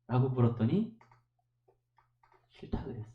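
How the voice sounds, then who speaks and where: A man's voice: medium pitch, sing-song, normal speed, echoey room, lo-fi sound. A male pastor preaching a sermon at a church service, telling stories emphatically and asking the congregation rhetorical questions.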